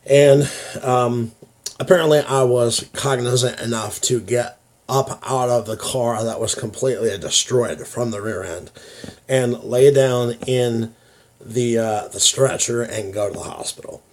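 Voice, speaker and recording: Slow, halting American man with effortful speech. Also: mid-range voice, steady tone, a little mellow. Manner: halting, struggles to get words out. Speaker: YouTube vlogger. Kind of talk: confiding casual talk to viewers.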